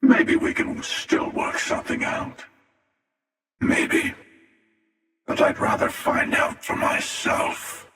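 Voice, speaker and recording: A man playing The Hunter, a cynical, menacing older villain in a video game, with a breathy rasp and a slow, sardonic, world-weary delivery. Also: a bit bright. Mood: wry, knowing. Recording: long echoing reverb, distant from mic.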